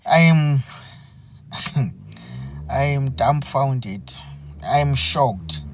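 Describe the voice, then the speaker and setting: A man hosting a live stream, speaking in an earnest, halting way and often repeating himself. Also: mid-range voice, lively intonation, slight background noise. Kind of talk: unscripted live commentary.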